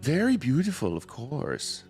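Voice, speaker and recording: Tabletop game sentient blade, male player: eager, devoted, gushing and theatrical, often lifted in pitch, faint music. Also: wildly swooping pitch, darkish tone. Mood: fawning, reassuring. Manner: gushing, theatrical, drawn-out oohs and ahs. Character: eager, fawning talking magic sword, newly awakened.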